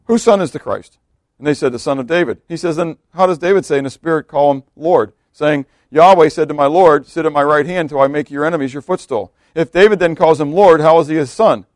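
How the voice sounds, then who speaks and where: A man preaching an expository sermon in a conversational way. He keeps checking in with "okay?" and "right?" and often drops to a hushed, low voice for emphasis. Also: fairly quick, hardly any pauses, dry recording. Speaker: pastor.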